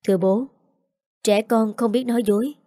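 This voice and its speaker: A woman voicing a caring, protective young aunt who speaks gently but firmly. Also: on the high side, fairly even intonation, moderate pace, no echo, studio quality, lightly acted.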